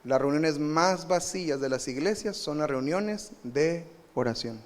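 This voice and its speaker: A man with a Mexican Spanish accent preaching a live sermon, animated and emphatic, often asking the congregation questions. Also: fairly high pitch, a little slow. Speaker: pastor. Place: church sanctuary. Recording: live church recording with long reverb.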